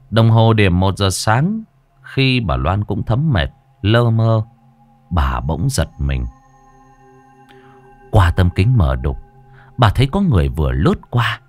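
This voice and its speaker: A man reading a ghost story aloud with dramatic, suspenseful delivery. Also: lowish voice. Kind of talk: scripted ghost story narration.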